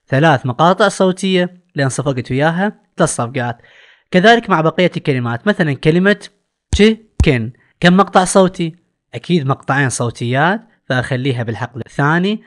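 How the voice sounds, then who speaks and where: A male English teacher with an Iraqi Arabic accent explaining a lesson. He reads English phrases slowly and with emphasis, then explains them in Arabic. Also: fairly high pitch, animated. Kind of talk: recorded classroom lesson.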